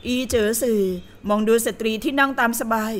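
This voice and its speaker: A woman reading a period novel aloud in a steady storytelling manner. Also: fairly high pitch, normal speed. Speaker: audiobook narrator. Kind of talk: scripted novel narration.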